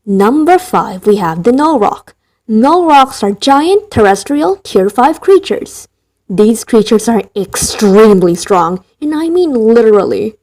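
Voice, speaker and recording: High, lively woman narrating a game ranking. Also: unhurried. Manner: wry, rambling asides; talks in a voice she calls dead and tired. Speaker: gaming video narrator. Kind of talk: scripted game ranking commentary.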